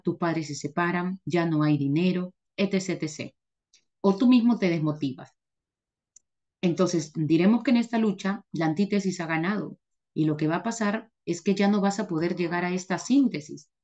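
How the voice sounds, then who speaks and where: Emphatic woman teacher, mellow tone. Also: lowish voice, moderate pace. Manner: emphatic, repetitive, asks herself rhetorical questions. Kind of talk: motivational lecture.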